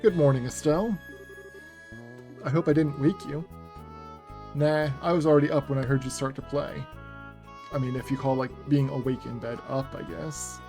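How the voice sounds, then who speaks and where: A man reading aloud the lines of a smooth-talking teenage boy from a game, into a headset. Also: fairly high pitch, fairly even intonation, moderate pace, pauses often, mellow, soft background music. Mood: teasing.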